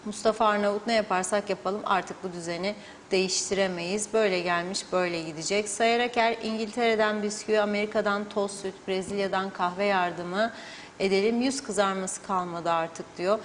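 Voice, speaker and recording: A woman's voice: mid-range voice, in a large hall, slight background noise. A woman presenting on TV, steadily reading out viewer messages. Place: TV studio.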